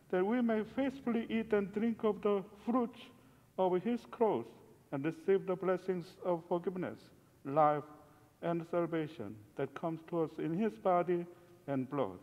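A man leading a liturgical prayer as a pastor, intoning in a measured, solemn way, his voice ringing with a long cathedral-like echo. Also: high-pitched. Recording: dull muffled church recording with long reverb.

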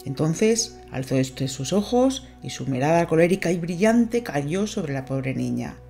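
A woman narrating an audiobook, reading a novel in a measured, expressive way. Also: sits low, creaky, faint music behind.

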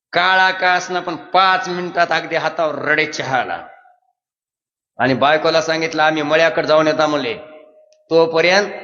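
A male devotional preacher tells his stories in a high, bright voice and keeps putting questions to the crowd. His voice rings through a long hall echo, and the recording sounds dull and lo-fi. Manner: lively storyteller who asks the crowd questions. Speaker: kirtan preacher. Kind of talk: devotional sermon storytelling.

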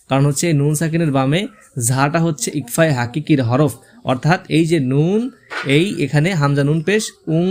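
A man's voice: a little high, a little mellow. Man teaching Quran reading. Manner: spells out letters and vowel marks, then recites slowly. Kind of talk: step-by-step recitation lesson.

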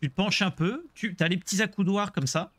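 A man's voice: high voice, a little fast, fairly bright tone, no echo. A man streaming a Let's Play, chatting casually about the game and joking with his viewers. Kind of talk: casual gameplay commentary.

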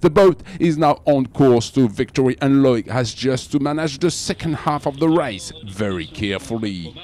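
French-accented male presenter, measured dramatic news read. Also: medium pitch, expressive, darkish tone. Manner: measured, dramatic voice-over delivery. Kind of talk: scripted sports news narration.

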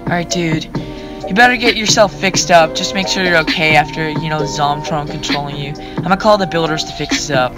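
A young-sounding performer voices a character in a self-made Minecraft roleplay, speaking fairly quickly in a mid-range voice. The lines are casual, repetitive and exclamatory, and music runs underneath.

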